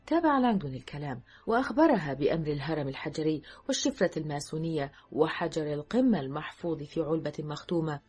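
A woman narrating an audiobook in a measured, steady storytelling manner. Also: low voice, slightly rough.

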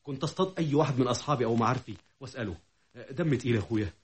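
A man's voice: rapid-fire, natural voice. A man playing a frantic jealous Egyptian doctor. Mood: gloomy. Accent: Egyptian Arabic. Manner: fretful, turns bitter and shrill. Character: anxious jealous young male doctor. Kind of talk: vintage radio drama acting.

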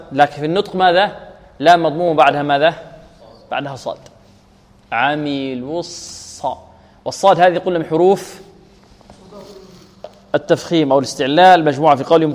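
A man teaches a Quran recitation lesson, quizzing his students and drilling letter sounds between chanted verses. His voice sits fairly high. A long reverb trails after each phrase. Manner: questioning the class and drilling sounds aloud.

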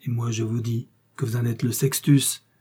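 A man's voice: mid-range voice, level tone, moderate pace, mellow, husky. Milady, a man voicing a defiant noblewoman. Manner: impassioned, dramatic. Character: defiant vengeful young noblewoman. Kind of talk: audiobook reading.

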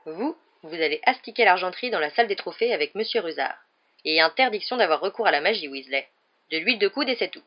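A woman's voice: on the low side, animated, fast, muffled recording. A woman voicing a stern witch professor.

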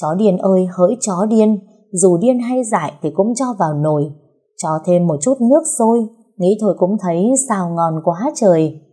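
A woman voicing a sharp-tongued, scheming young wife who taunts in sing-song rhymes and wails theatrically. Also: medium pitch, lively intonation, normal speed, breathy edge. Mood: taunting.

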